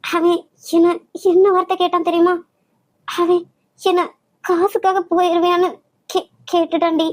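A woman voicing a hurt, hot-tempered elder sister who speaks slowly and low, with a Kanyakumari Tamil accent. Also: flat delivery. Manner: slow, lower, subdued.

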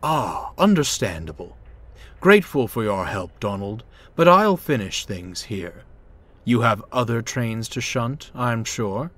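A man's voice: medium pitch, very animated, a little slow, a bit bright. A man voicing a proud, pompous male steam engine who talks in a haughty, posh, snappish way. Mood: brisk.

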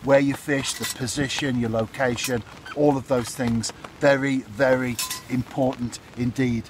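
A man's voice: mid-range voice, fairly even intonation, a little slow. Middle aged guy chatting to his camera under a fishing brolly, repeats himself a lot, bit of wind and rain noise behind. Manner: chatty, repeats points, asks "isn't it?". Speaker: fishing vlogger. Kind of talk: casual to-camera advice. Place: outdoors under a fishing umbrella by a pool in a storm. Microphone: phone or camera close up. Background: storm wind and rain.

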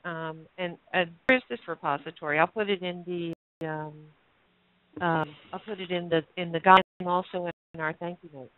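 A woman moderating a webinar, speaking haltingly with stammers and fillers. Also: lowish voice, dry recording. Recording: phone-line audio.

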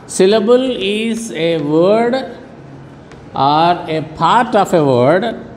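A man's voice: sits high, animated, slow, long reverb tail, slight background noise. A man teaching an online lesson to schoolchildren, patiently repeating and rephrasing words. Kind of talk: online classroom lesson for children.

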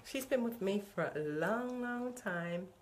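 A woman working as a psychic medium, giving a chatty, excitable spirit reading on a live stream and calling her viewers sweetie. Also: medium pitch, unhurried, noisy background.

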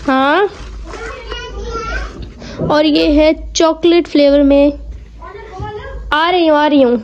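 High-voiced chatty woman vlogging at home. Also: steady tone, slow pace, darkish tone, dull audio, a little hiss or hum. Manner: chatty, explaining things step by step to viewers. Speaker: vlogger and mother. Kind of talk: casual home vlog chat.

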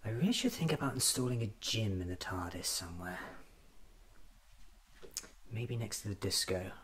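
A man in his thirties playing a quirky time-travelling doctor in a soft-spoken ASMR roleplay, muttering haltingly to himself. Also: lowish voice, lively intonation. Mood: muttering, absent-minded. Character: newly regenerated time-travelling alien doctor, musing, quirky, self-examining.

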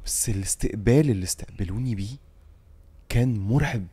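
A man's voice: on the low side, quick pace, warm tone, husky. A young Egyptian man telling a story vividly and emotionally, with emphatic repeats, as a guest on a podcast. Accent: Egyptian Arabic. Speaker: guest singer and actor. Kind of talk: animated storytelling in a podcast chat.

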